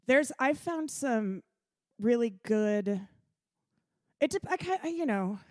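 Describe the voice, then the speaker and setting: A woman's voice: a little high, expressive, slow pace, darkish tone, no echo, studio quality. A woman, a piano bar owner and performer, talking in a chatty podcast interview with many restarts and frequent laughs.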